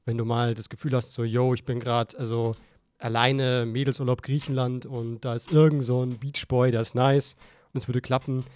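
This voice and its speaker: Ein junger Mann, der als Co-Host eines Podcasts angetrunken und sprunghaft erzählt, mit vielen Neuanfängen. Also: male voice, mid-range voice, level tone, moderate pace, darkish tone. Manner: rambling, tipsy storytelling with frequent restarts. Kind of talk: casual chat.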